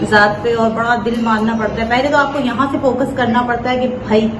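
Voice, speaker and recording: Chatty young woman, high voice, echoey kitchen. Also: level tone, a little fast, noisy background. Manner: chatty, gestures a lot while talking, many fillers. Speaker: cooking vlogger. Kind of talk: casual recipe vlog. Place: home kitchen and dining table, indoors. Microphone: camera mic from a few feet away.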